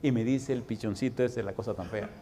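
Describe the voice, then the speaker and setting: A Dominican man in his sixties preaching a sermon, swinging from loud exhortation to hushed, folksy storytelling. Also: medium pitch, brisk, a little hiss or hum. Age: 60s. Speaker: pastor.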